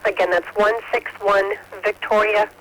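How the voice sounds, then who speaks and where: A male fire dispatcher speaks formally over two-way radio. His voice is high and very even, with a sharp edge and faint hiss behind it. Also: normal speed, rough recording. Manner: formal, repeats messages back. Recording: hissy radio dispatch audio.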